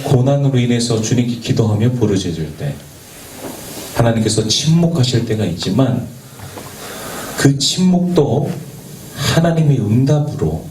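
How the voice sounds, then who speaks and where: A man's voice: medium pitch, lively intonation, unhurried, long pauses, darkish tone. A man preaching as a youth pastor in a church, speaking earnestly and putting rhetorical questions to the young people, sometimes stumbling over his words and joking about it. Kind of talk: sermon. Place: church worship space. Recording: echoey, from a distance, faint background noise.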